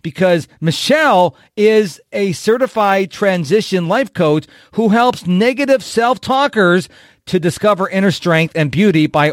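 A man hosting a podcast, talking with energetic enthusiasm and lots of swing in his voice. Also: high voice, no room sound, clean studio sound. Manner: energetic, animated, enthusiastic delivery. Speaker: podcast host. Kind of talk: upbeat podcast interview.

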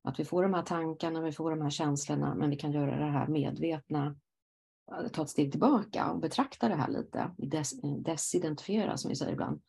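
A woman hosting a conversation as a therapist, explaining ideas slowly and reflectively with frequent affirming murmurs. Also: deep voice, creaky, a little mellow, slightly rough. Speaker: podcast host, psychosynthesis therapist. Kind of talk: calm conversational interview.

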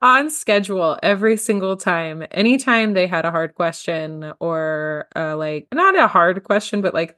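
A woman's voice: on the low side, a bit bright, dry recording, clean studio sound. A woman in her thirties telling a personal story on her podcast, chatty and laughing often as she acts out quotes. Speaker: podcast host. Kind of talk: casual solo podcast storytelling.

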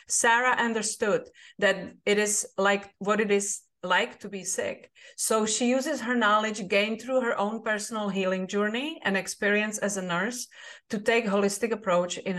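A woman's voice: mid-range voice, normal speed, fairly bright tone. A woman with a Czech accent hosting a podcast interview, upbeat and inviting, with emphatic delivery. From Czech Republic. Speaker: podcast host. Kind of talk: podcast interview with scripted intro.

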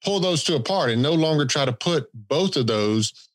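A man's voice: on the high side, lively intonation, moderate pace, no echo. A man with a thick Southern accent from Georgia, co-hosting a podcast in a casual, folksy, self-deprecating way. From Georgia, United States. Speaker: podcast co-host. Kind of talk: casual conversational podcast talk.

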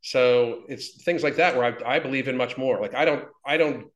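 A man's voice: medium pitch, normal speed, fairly bright tone. A man in his fifties, talking bluntly and with lots of swearing, rambling with restarts as an interview guest. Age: 50s. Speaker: interview guest, fitness business owner. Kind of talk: casual interview talk. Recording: echoey room.

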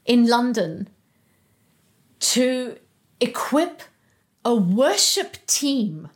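A woman giving an emotional personal testimony as a podcast guest, speaking haltingly with restarts and some soft, whispered moments. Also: a little high, very animated.

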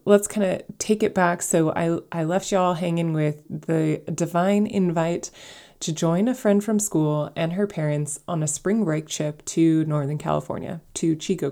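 Stuffy-voiced woman, low and gravelly. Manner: chatty, easygoing, with soft laughs and fillers. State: stuffy and congested from a cold. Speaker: podcast host. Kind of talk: casual personal storytelling podcast.

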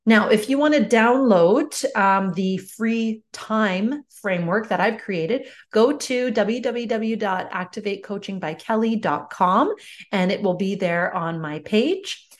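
A woman hosting a solo coaching podcast, explaining advice in a deliberate, encouraging, instructional way with pauses between phrases. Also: mid-range voice, animated. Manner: instructional, encouraging self-help address to the listener. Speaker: life coach podcast host.

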